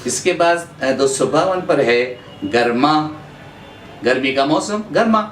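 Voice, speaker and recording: A man from India teaching an Urdu pronunciation lesson, going through words in a measured way, repeating each one and pausing on drawn-out "uh" fillers. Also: fairly high pitch, lively intonation, distant mic. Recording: echoey room, voice off-mic, faint background hum.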